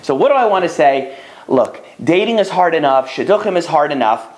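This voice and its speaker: A man's voice: fairly high pitch, fairly quick. A man in his thirties, a rabbi and matchmaker, giving casual advice straight to the camera and acting out callers' lines. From United States. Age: 30s. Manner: animated, conversational, acts out callers' lines. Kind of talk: direct-to-camera advice talk.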